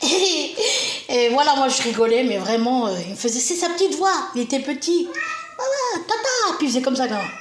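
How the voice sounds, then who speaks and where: A woman's voice: high voice, animated, fast, roomy sound. A woman chatting casually as she decorates a shelf at home, self-mocking and often laughing, speaking to a camera set a little way off. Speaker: home vlogger. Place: indoors at home.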